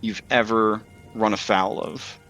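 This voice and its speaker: A man's voice: fairly low pitch, flat delivery, measured pace, fairly bright tone, faint music behind, poor audio. A man narrating a tabletop game as game master in a casual, informal and joking manner.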